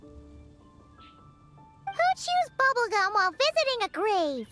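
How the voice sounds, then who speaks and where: Very squeaky, childlike fairy companion. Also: female voice, very animated, unhurried, heavily acted. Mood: curious, teasing. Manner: speaks of herself in the third person, exclaiming. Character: small childlike fairy companion, female, chirpy and blunt. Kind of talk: video game voice acting. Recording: loud music under the voice.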